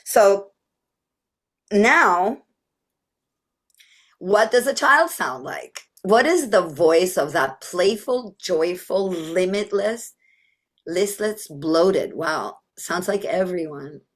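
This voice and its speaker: A woman's voice: on the low side, expressive, drawn-out words, long pauses. A woman giving a playful motivational talk as a mindset coach, laughing often and slipping into childlike voices.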